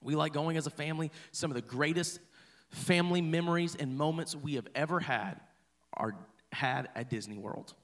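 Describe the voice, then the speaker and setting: A man's voice: on the high side, moderate pace, a bit bright. Chatty, playful man preaching. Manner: chatty and playful, talks to the congregation. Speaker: pastor. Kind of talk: sermon storytelling. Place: church hall.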